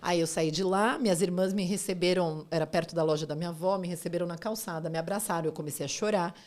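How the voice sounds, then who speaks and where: A woman's voice: lowish voice, fast talker. A woman in her forties, a podcast guest, telling her own story in casual chat and acting out what others said. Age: 40s. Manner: animated, acts out quoted voices.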